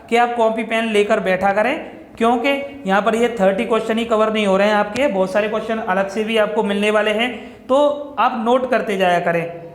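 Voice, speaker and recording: A man teaching exam-prep science to viewers, often checking in and asking then answering his own questions. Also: sits high. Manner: repeats "ठीक है दोस्तों" often, asks and answers own questions. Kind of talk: explaining quiz questions to viewers. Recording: echoey room with long reverb.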